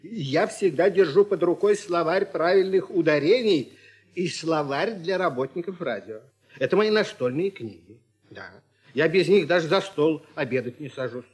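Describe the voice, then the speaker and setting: A man's voice: fairly high pitch, expressive, moderate pace, husky, soft background music. A middle-aged man hosting a scripted children's radio comedy as a teacher, lecturing his pupils in a mock-stern, ironic way.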